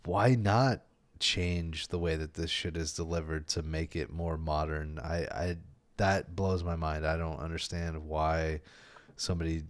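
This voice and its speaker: A man with a very low voice, talking on a casual podcast. He sounds earnest and puzzled as he makes his point. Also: fairly even intonation, a little slow.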